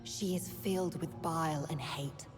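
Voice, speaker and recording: An actress playing a proud, guarded old undead leader in a video game, with stern, solemn, archaic phrasing. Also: female voice, low voice, fairly even intonation, normal speed, lightly acted. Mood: grave. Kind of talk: dramatic video game voice acting. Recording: long hall reverb, music underneath.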